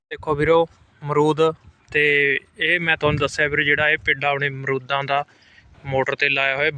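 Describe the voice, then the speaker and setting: A man's voice: on the high side, pushed and bright, low-quality recording. A man with a Punjabi accent talking casually to viewers in an outdoor farm vlog, repeating himself as he explains. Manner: repetitive, addresses viewers as brothers. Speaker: farmer vlogger. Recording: outdoor recording with clear background noise.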